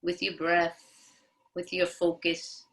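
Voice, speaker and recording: A woman guiding mindful movement as a yoga and meditation instructor, with a soothing, gentle manner and unhurried pauses. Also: lowish voice, completely flat delivery, creaky.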